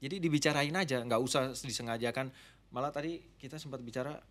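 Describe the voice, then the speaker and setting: Relaxed middle-aged pastor explaining. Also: male voice, mid-range voice, quick pace. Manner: relaxed, explanatory, drifts between formal and slangy Indonesian. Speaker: pastor and marriage mentor, podcast guest. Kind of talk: casual podcast conversation.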